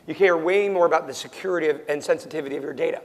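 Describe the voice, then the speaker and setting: This young founder of a startup fires off answers rapidly in an interview, nearly yelling and frequently restarting sentences with ums. His voice is a bit high for a man, hoarse, cracking at times as it gives out. The clip has a lingering, long reverb.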